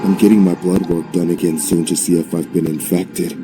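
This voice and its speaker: Deep-voiced man narrating a horror story. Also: rough recording. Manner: measured, steady first-person storytelling. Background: music.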